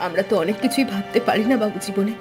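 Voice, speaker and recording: A woman's voice: mid-range voice, rapid-fire, music in the background, close to an everyday voice. An actress playing an emotional village woman in a plaintive, melodramatic audio-story style. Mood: bitter.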